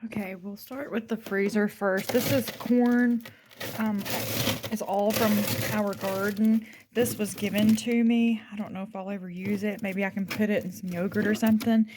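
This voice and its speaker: A woman talks through her day in a relaxed, chatty vlog voice. At times she drops to a nervous whisper. Clear household noise and crinkling sit behind her. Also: mid-range voice, normal speed. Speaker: vlogger. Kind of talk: casual vlog chat. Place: home, moving around indoors and outdoors.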